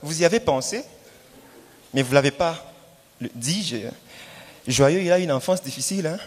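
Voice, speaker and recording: A man with a high-pitched, very animated voice delivers punchy stand-up comedy. He acts out his stories theatrically and repeats phrases for emphasis. The sound rings with the long reverb of a hall. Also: moderate pace, breathy edge. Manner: theatrical storytelling with acted-out dialogue and emphatic repetition. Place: live show in a hall. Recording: echoey hall, distant reverb, background noise.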